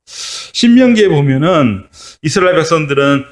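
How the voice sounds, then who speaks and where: A man's voice: on the high side, animated, moderate pace. Male pastor giving a children's sermon, telling a story and putting questions to the kids.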